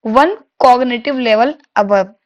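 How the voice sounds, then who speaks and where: Woman, high voice, teacher, exam-prep lecture, asks questions. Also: dull audio. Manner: reads English questions slowly, explains in Hindi with rhetorical questions.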